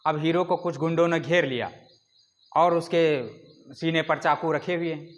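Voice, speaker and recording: High-voiced man teaching in a lecture. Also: steady tone. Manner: explains with rhetorical questions and drawn-out calls. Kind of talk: classroom lecture.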